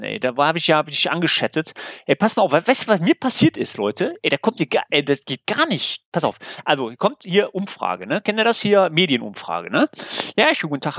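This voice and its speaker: Guy telling a wild story on a podcast, voice all over the place, kinda high, dull dry lo-fi sound. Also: vocal fry, dry recording. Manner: animated storyteller, acts out phone calls in voices. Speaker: podcast co-host. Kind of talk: casual chat.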